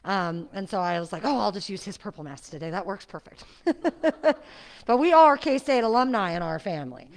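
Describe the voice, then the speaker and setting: Through a muffling face mask, a middle-aged fitness instructor makes casual pre-class chatter in a seniors' center exercise room. Her mid-range voice is expressive with some vocal fry, at a moderate pace. She laughs often and is chatty and friendly throughout.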